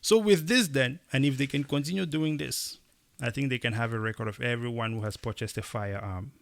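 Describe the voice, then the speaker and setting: A young man from Cameroon co-hosting a casual opinion chat, talking emphatically and rising into animated bursts. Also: mid-range voice, a little fast, vocal fry. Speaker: podcast co-host.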